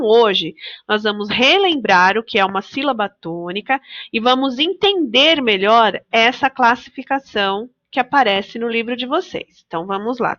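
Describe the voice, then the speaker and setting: A woman teacher with a Brazilian Portuguese accent gives a patient remote lesson to young children and draws out each example word slowly. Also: a little high, pushed and bright, lo-fi sound. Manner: slow, drawn-out pronunciation of example words; patient, addresses children directly. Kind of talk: remote primary school lesson.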